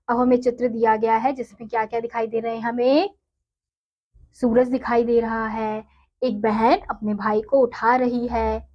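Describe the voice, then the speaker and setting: A woman teaches a primary school lesson, explaining each step patiently and reading verse lines slowly. Her voice sits fairly high. The recording sounds muffled and lo-fi. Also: darkish tone.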